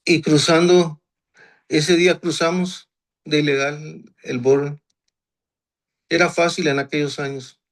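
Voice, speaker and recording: Older honduran guy telling his faith testimony, kinda high voice, earnest, keeps repeating himself. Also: fairly even intonation, takes it slowly, pauses often. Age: 60s. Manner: earnest, repeats phrases, restarts often. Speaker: guest giving a church testimony.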